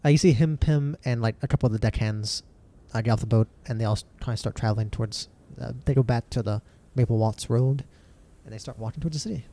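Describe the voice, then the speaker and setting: A man's voice: medium pitch, quick pace, mellow. A man narrating as dungeon master, rambling with fillers and restarts. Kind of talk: narrating a tabletop game.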